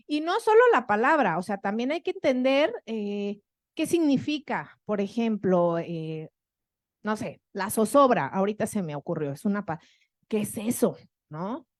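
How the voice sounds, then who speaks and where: A woman's voice: high voice, no echo, studio quality. A woman with a Mexican accent giving a conversational lecture to an audience, often tagging her sentences with rhetorical questions.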